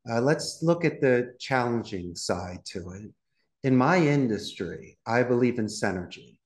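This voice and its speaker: A middle-aged Philadelphia man who runs a call center as CEO appears as a podcast guest, talking in a confident, polished way. His voice sits on the low side, and the recording sounds roomy.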